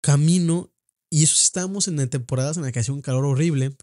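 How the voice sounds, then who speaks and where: A young man with a Mexican accent, hosting a podcast and telling a personal story at home, halting and repeating himself as he relives it. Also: a little high, mellow, no echo, clean studio sound. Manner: halting, repeats words, emotional retelling. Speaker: podcast host.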